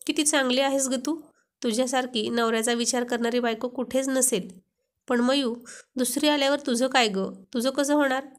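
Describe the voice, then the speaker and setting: A woman's voice: high voice, fairly even intonation, moderate pace, natural voice. A woman voicing a playful young husband who keeps teasing his wife. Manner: teasing, joking.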